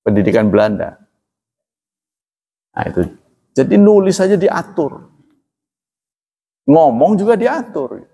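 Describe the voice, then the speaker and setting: Man, preacher, plain even delivery, religious lecture, long hall reverb. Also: fairly high pitch, slow pace, vocal fry, pauses often, breathy edge. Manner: plain, even delivery, calls himself flat-spoken; asks listeners for agreement often.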